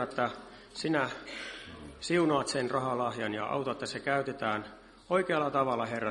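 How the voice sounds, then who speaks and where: A man's voice: medium pitch, fairly bright tone. Man praying earnestly in a hall. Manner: earnest and fervent. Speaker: worship leader. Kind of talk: spoken prayer. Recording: reverberant church hall with faint noise.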